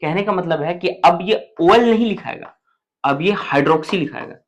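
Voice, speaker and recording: Male chemistry teacher, slightly high voice, walks through each step and keeps checking the class follows. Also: normal speed. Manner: colloquial, matter-of-fact explaining. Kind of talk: classroom lecture.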